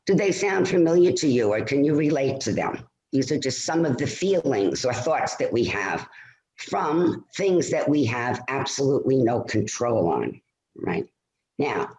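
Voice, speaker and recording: A man presenting a stress-management talk on a video call, lively and conversational, often checking in with "all right?". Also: medium pitch. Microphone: computer mic on a video call. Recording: roomy video call audio.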